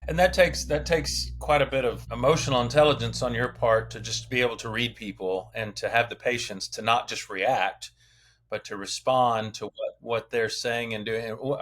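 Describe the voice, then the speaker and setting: A man's voice: fairly low pitch, a bit bright. A middle-aged man in casual conversation as a guest, speaking in a thoughtful, talkative way.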